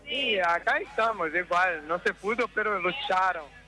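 A man from Brazil speaking Spanish with a Brazilian Portuguese accent, halting and searching for words in a street interview. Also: sits high, sharp tone, faint music behind, rough recording.

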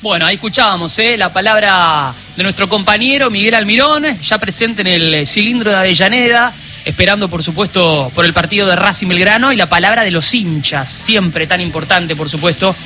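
A man's voice: sits high, fairly quick, sharp tone, faint music behind. A man with an Argentine accent hosting a live sports radio show, linking segments in chatty talk full of fillers. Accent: Argentine Spanish. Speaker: studio radio host.

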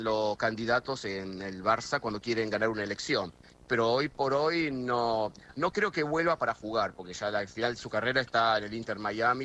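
Speaking by phone as a guest correspondent on a radio interview, this middle-aged Argentine man from the Buenos Aires area has a mid-range voice that sounds pushed and bright. He talks a lot, full of hesitations and restarts, with a Buenos Aires-area accent.

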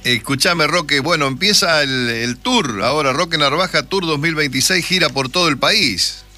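Argentine radio host, Rioplatense accent, sharp bright tone, joking and chatty, faint music underneath. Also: male voice, on the high side, normal speed. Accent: Rioplatense Spanish. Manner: chatty, joking, reads out tour dates. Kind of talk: casual radio interview.

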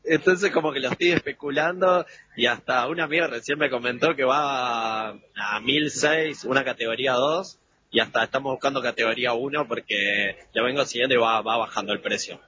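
A man with an Argentine accent, from Concordia in Entre Ríos, talking lively as a football fan in a casual street interview. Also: medium pitch, brisk. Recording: dull lo-fi radio with loud background noise.

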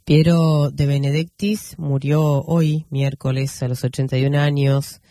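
A male radio host reads news commentary in a mellow, slightly high voice. He talks unhurriedly, pausing on fillers and correcting himself as he goes. The sound is dry and close, with no room around it. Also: little pitch movement, no echo.

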